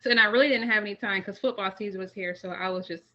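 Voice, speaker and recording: Very bright, upbeat woman on a video call. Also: medium pitch, very fast. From Buffalo, New York. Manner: upbeat, confident, playful. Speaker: guest, mental health counselor. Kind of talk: casual interview over video call. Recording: dull lo-fi call audio.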